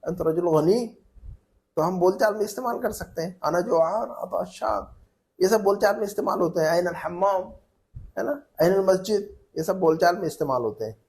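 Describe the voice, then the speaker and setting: Man, teacher, language class drill, slightly high voice, patient, repetitive, encouraging. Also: normal speed, darkish tone. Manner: patient, repeats phrases for students to echo; encouraging, prompts students by name. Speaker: Arabic teacher.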